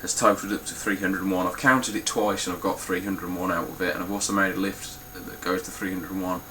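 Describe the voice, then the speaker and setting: Talking fast in a low, sharp, flat voice, a man gives a blunt, offhand review of his game collection. His voice sounds stuffy and nasal, he fills gaps with frequent ums, swears some, and there's slight background noise.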